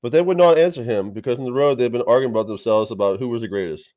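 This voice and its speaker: A man with a middle-pitched voice rambling through a Bible talk in a casual vlog. He chews as he talks and keeps restarting his words. His speech comes out loose and unscripted. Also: racing, darkish tone, highs cut off. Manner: talks while eating. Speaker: vlogger.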